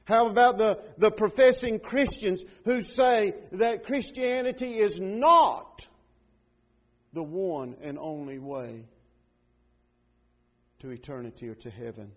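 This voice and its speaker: Impassioned high-voiced male preacher. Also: slow, long pauses. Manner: impassioned, rising to loud emphatic declarations, then dropping to quiet earnest appeals. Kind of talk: sermon.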